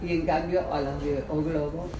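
A panelist from Spain rambles at a moderate pace, self-correcting and often chuckling in unscripted talk. His voice is on the high side with a steady tone, recorded from afar in a roomy hall with background noise.

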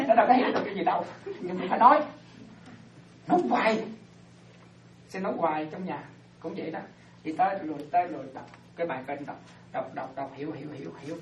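Lively woman, roomy distant sound. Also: on the low side, fast, pauses often, highs cut off, a little hiss or hum. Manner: animated, often checks listeners follow. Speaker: Buddhist teacher. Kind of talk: dharma talk to lay followers.

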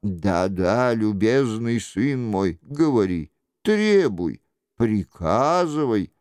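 A man voicing a scheming aging queen mother, slow and pleading in a coaxing way. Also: lowish voice, big pitch swings, darkish tone, clean tone, dry recording, studio quality.

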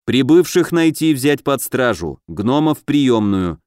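A stern, gruff commander in an audiobook fantasy, giving terse orders, as a man puts him on. Dry, close reading. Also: sing-song, measured pace, darkish tone, no echo. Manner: low, gruff growl. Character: stern male commander, clan leader, gruff.

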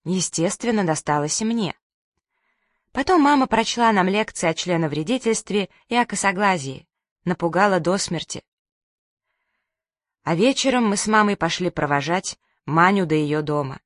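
A woman's voice: fairly low pitch, normal speed, no room sound. Woman reading an audiobook, dry sound. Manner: lively, expressive storytelling. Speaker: audiobook narrator. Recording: dry close studio sound.

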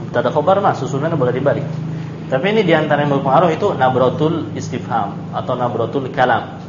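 A man's voice: medium pitch, quick pace, noisy background. A man teaching Arabic grammar in a classroom, quizzing his students and stressing points emphatically. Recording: echoey dull room recording.

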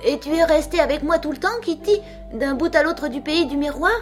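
A woman's voice: sits high, brisk, soft background music, pitched above the performer's own voice, lightly acted. A woman voicing Alice, a curious, chatty young girl who fondly scolds her cats in a storybook reading. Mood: dreamy.

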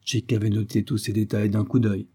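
A man narrating a classic detective novel in a steady, measured audiobook reading. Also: on the low side, slightly rough.

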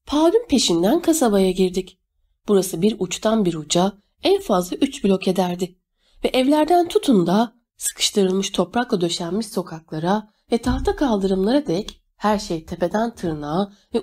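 Woman reading an audiobook, steady even narration, mid pitch. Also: moderate pace. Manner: steady storytelling read. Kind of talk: scripted narration.

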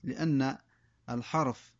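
A man's voice: mid-range voice, steady tone, no echo. Guy teaching quran reading primer, drills syllables one at a time, dry muffled recording. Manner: slow drilled syllable-by-syllable modeling. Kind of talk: explaining a reading primer lesson.

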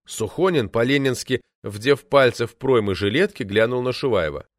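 A man narrating a novel as an audiobook with an expressive delivery. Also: medium pitch, moderate pace, no room sound, clean studio sound. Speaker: audiobook reader.

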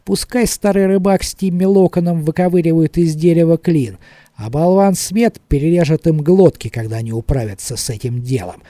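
Man reading a novel in a mellow voice. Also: a little high, no echo, studio quality. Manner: measured, expressive reading. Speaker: audiobook narrator. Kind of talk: scripted narration.

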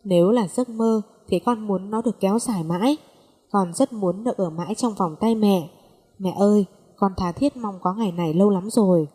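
A woman voicing a gentle young orphaned woman who speaks in a choked, sobbing voice, with long reverb. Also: mid-range voice, moderate pace, slightly rough, lightly acted. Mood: tearful.

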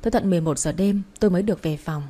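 A woman reads a first-person story aloud in a steady, earnest audiobook style. Her voice is mellow and warm, with a soft husky grain. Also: on the low side, very fast. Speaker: narrator.

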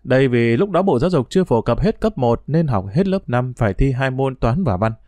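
A man's voice: mid-range voice, animated, brisk, warm tone, no echo. A man narrating a first-person story in a wry, reflective, conversational way.

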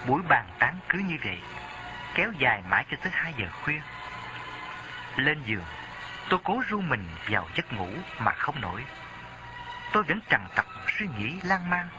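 A man's voice: fairly high pitch, very animated, moderate pace, long pauses, muffled recording, over music. A man narrating a memoir in a reflective reading style.

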